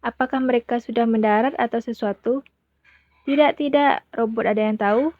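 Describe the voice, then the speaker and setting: A woman reads a translated voice-over steadily in a somewhat high voice. The recording sounds dry and dull, with no room around it. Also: moderate pace, no echo. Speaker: voice-over interpreter.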